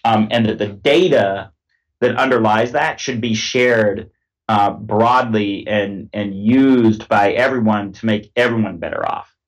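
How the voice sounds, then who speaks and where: A man being interviewed as a guest, explaining things in a measured way with many pauses. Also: fairly low pitch. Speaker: guest, head of a nonprofit security alliance. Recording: distant mic sound.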